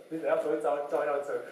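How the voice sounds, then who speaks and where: Male monk, chatty storyteller, rapid and stammering, laughs a lot; distant mic, heavy room echo. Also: a little high, background noise. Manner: animated, laughing, stammering repeats. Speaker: Buddhist monk. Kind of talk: casual anecdote telling.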